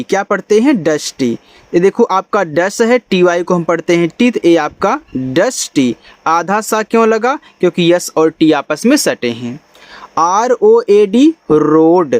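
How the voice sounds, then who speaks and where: A man's voice: high voice, darkish tone, no echo. A man teaching English reading in a patient lesson, spelling each word letter by letter, then sounding it out and repeating it. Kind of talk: Hindi-language phonics lesson, spelling out English words letter by letter.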